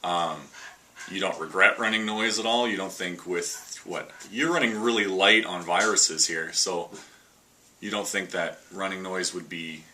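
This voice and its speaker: A young man hosting a casual card-game deck breakdown, reading card lists quickly and joking between them. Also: low voice, sharp tone, slight background noise, low-quality recording. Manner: quick, jokey list-reading with laughs. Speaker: host.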